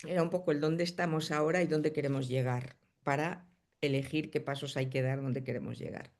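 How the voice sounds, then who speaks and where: Hoarse woman teaching a coaching class over a video call, gravelly fry in her voice, talks it through step by step. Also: sits low, steady tone, a little fast, a little mellow. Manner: explains step by step, then reads the chat. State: hoarse, coughing. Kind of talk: live online class.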